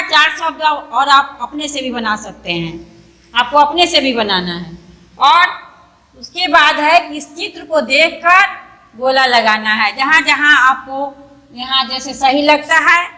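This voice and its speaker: A woman teaching a primary school class online, slowly breaking words into letters and vowel signs for young children. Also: high-pitched, pushed and bright, big-room sound, low-quality recording. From India.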